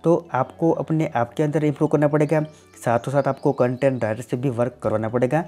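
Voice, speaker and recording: Speaking fairly quickly in a steady, mid-range voice, a tech channel host from Gujarat, India, a native Gujarati speaker, explains answers to viewer questions in plain terms, leaning on "definitely" and "simply." His tone is warm and mellow, with faint music underneath.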